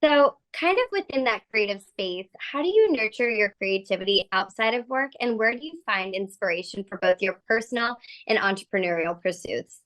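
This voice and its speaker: A woman's voice: medium pitch, expressive, moderate pace, few pauses, fairly bright tone. A woman co-hosting an interview podcast, friendly and chatty as she asks questions. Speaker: podcast co-host.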